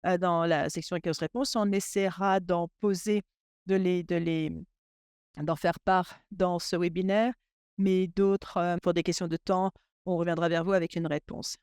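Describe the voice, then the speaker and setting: A man interpreting a webinar panel discussion into French in real time, halting and often restarting his sentences. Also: sits high, level tone, a little mellow, smooth, no room sound, clean studio sound. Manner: halting, with frequent restarts and fillers. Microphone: remote webinar audio.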